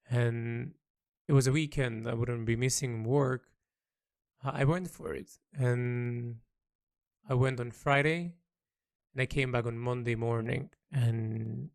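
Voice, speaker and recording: In a medium-pitched voice, a man speaks off the cuff in a reflective audio log as an illustrator and storyteller. Frequent pauses come as he hunts for words, and he tends to repeat himself.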